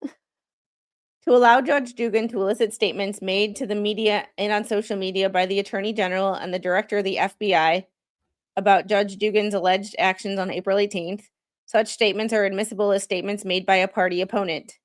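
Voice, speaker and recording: A woman livestreams as a commentator without legal training, stumbling as she reads court filings aloud and chatting about them in a casual, self-mocking way. Her voice sits in the middle range with fairly level intonation.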